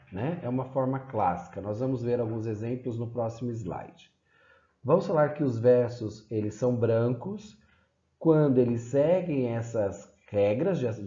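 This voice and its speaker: A man's voice: medium pitch, warm tone. A man teaching a recorded lesson over slides, explaining step by step with frequent "né" and "então". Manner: explanatory, repeats "né" and "então", reads poems aloud. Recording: dull lo-fi echoey room.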